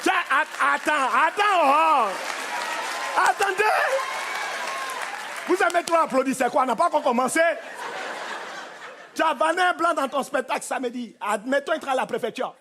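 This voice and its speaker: A man with a Cameroonian French accent performing stand-up comedy on a theatre stage, animated and punchy, mimicking voices. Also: very high voice, fast talker. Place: theatre stage with live audience. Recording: live show with faint crowd and noise. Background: audience laughter.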